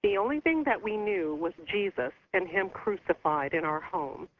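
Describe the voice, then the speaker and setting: A woman's voice: medium pitch, big pitch swings. Earnest woman caller over the phone. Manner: earnest, concerned, halting with fillers. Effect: heard over the phone. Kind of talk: call-in radio talk. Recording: muffled phone line with faint hiss.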